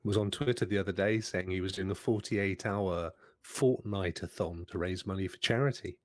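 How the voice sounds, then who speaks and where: A middle-aged man co-hosting a retro gaming show, dropping short jokes and quick replies. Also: low voice, dry recording, studio quality. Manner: jokey, brief interjections, laughs often. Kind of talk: casual chat.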